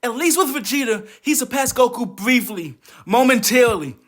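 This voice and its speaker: A man's voice: very high-pitched, animated, normal speed, a bit bright. A man doing a comedic anime commentary rant, exasperated, profane and mocking. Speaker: video essayist.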